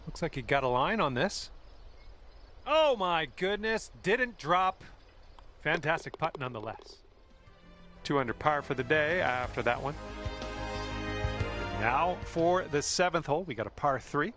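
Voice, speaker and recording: A man's voice: on the high side, normal speed, long pauses, fairly bright tone, soft background music. A man playing an encouraging TV golf commentator, giving casual play-by-play as in a golf video game. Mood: upbeat, encouraging.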